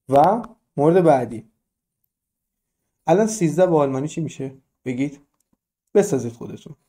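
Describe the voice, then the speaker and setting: A man's voice: fairly high pitch, dark tone. A young man teaching a beginner German lesson in a casual way, explaining step by step and asking his students questions.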